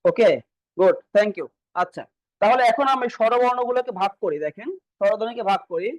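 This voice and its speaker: A man's voice: high-pitched, a little fast, dry recording, poor audio. A man teaching an exam-prep grammar lesson, repeating key points and asking questions he then answers himself. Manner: repetitive, quizzing students and answering himself.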